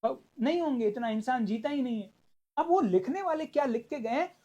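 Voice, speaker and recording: Male law tutor for online exam prep: animated delivery, a lively up-and-down pitch, acts out little exchanges, drags out key terms. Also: a little fast. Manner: stretches key words for emphasis. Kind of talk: online class lecture.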